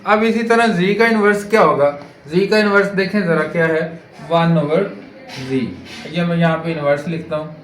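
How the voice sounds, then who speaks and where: This man's voice is fairly high and a bit bright, and his pace is normal. He's a math teacher from Pakistan solving board problems one step at a time and asking rhetorical questions. There's echo and a little faint noise in the recording.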